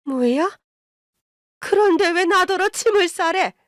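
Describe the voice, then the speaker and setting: A woman voicing an elderly, domineering mother-in-law who scolds in shrill outbursts. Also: animated, slow pace, dry recording, clean studio sound, exaggerated voice. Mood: furious.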